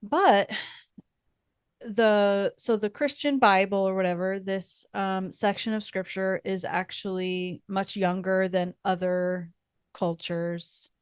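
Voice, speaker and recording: Woman podcaster, slow thoughtful rambling talk, dry close sound. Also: mid-range voice, steady tone, smooth, no echo. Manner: thoughtful, meandering, with fillers and soft laughs. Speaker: podcast co-host. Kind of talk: casual faith podcast chat.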